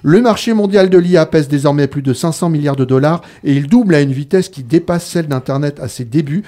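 A man's voice: a little high, a little fast, dark tone. A man hosting a radio show, presenting from a script. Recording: music bed under voice.

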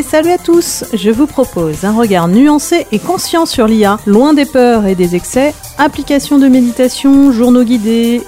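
A woman's voice: a little high, mellow. A woman presenting a scripted teaser as a radio columnist. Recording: music bed under voice.

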